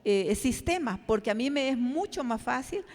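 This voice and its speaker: A middle-aged woman teaches a church Bible study, halting and repeating words and often tagging her sentences with a question. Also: fairly high pitch, lively intonation, a little mellow. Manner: halting, repeats words, constant "¿verdad?" tag. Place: church hall. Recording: reverberant church hall.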